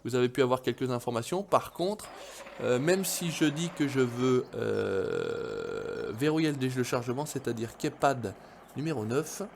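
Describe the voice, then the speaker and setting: A man's voice: mid-range voice, sing-song, measured pace, creaky, background noise. A man casually commentating a farming game, chatty, swearing now and then, and talking straight to his viewers. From France. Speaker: gaming video host.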